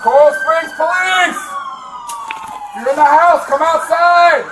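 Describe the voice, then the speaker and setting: A police officer's voice booms through a megaphone, strained high and carried from a distance. The sound is echoey and rough, like bodycam audio with sirens wailing and street noise all around. He repeats the same orders over and over. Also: huge pitch swings, slow. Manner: loud, repeated commands. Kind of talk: police commands.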